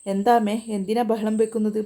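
A woman's voice: mid-range voice, level tone, fast talker, natural voice. A woman voicing a furious older brother who scolds and orders his sister about. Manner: scolding, shouting commands.

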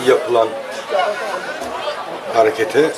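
A man's voice: fairly even intonation, drawn-out words. A man giving live football play-by-play in short, clipped phrases, often repeating himself. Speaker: football match commentator. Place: outdoor amateur football ground. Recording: noisy outdoor pitch, crowd shouting behind. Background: crowd and players shouting, loud outdoor noise.

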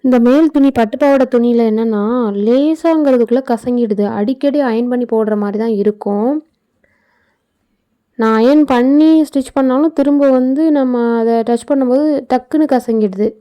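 A woman's voice: a little high, normal speed, warm tone, smooth. A woman giving a casual, explanatory voice-over for a sewing tutorial, with chatty asides. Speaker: tailoring channel host. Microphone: phone.

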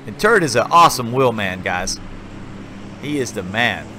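A man's voice: fairly low pitch, big pitch swings, normal speed, sharp tone, slight background noise. A man casually talking viewers through his gameplay footage in a rambling, chatty play-by-play. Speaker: gaming channel host. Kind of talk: casual gameplay commentary voice-over.

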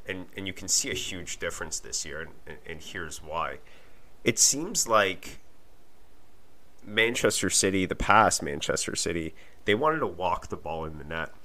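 A man hosting a solo soccer coaching podcast, hoarse after losing his voice, talking candidly with some restarts. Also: low-pitched, bright, forceful tone. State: hoarse from a lost voice.

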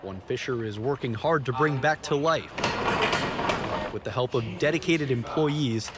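A man's voice: mid-range voice, measured pace. A man narrating a scripted TV news feature as its reporter. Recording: loud hall noise behind.

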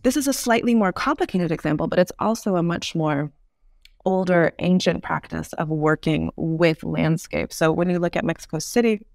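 An urban design expert appearing as a podcast guest, a woman with a voice on the low side, gives thoughtful, articulate explanations, carefully weighing her points. The sound is clean studio audio with no echo.

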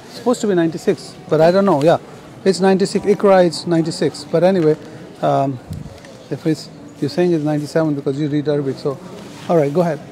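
A man's voice: a little high, steady tone, fast, dark tone, a little hiss or hum. A man arguing insistently at an outdoor park booth in a heated street debate, interrupting and challenging.

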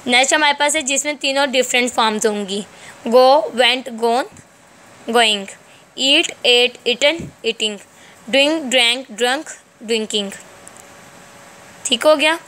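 A woman's voice: on the high side, measured pace, long pauses, sharp tone, slight background noise. A woman with a Pakistani accent teaching English grammar in a recorded lecture. She reads English rules out word by word, then explains them in Urdu, often checking "theek hai".

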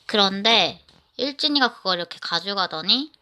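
A woman's voice: medium pitch, expressive, normal speed, sharp tone. A woman narrating a personal story in the first person, rambling and often restarting her sentences.

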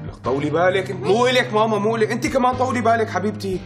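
A man's voice: sits high, racing, close to an everyday voice. A man with a Syrian accent acting as an exasperated young husband in a comedy sketch, talking in a grumbling way. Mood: soothing. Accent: Syrian Levantine Arabic. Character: grumbling young husband, tired of social outings. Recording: background music under dialogue.

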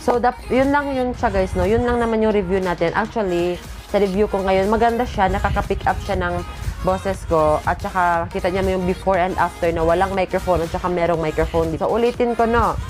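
A woman's voice: medium pitch, brisk, darkish tone, faint music behind. A young woman with a Filipino accent chatting casually through a product review vlog, often checking in with her viewers. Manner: chatty, keeps tagging "guys, no?". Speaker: vlogger reviewing a lapel mic. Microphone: switches between a lapel mic and the phone's own mic.

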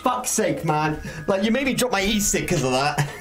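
A man's voice: sits high, animated, normal speed, soft background music. A young man chatting casually on a drunk livestream, swearing and bantering like a rowdy party animal. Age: young adult. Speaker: streamer, host. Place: home room at a desk, on webcam.

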